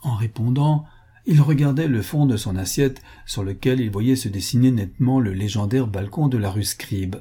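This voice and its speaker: A man reading a novel aloud as scripted narration, in a measured, even way. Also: mid-range voice, breathy edge. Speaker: audiobook narrator.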